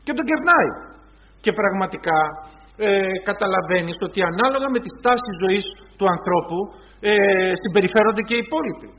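A high-pitched man delivers a sermon, often turning to his listeners as brothers and acting out little dialogues as he speaks. The recording sounds dull and lo-fi. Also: animated. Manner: retells scenes in quoted voices, addresses congregation as brothers. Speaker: preacher.

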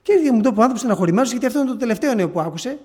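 Man, high voice, earnest sermon, halting retelling, many restarts. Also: animated, a little mellow. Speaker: preacher. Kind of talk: sermon testimony.

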